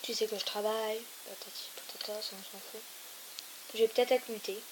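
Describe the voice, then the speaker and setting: In this casual let's-play chat, the young gaming YouTuber speaks briskly in a mid-range voice, rambling and teasing. She trails off with repeated fillers. It's a hissy home recording with steady background hiss.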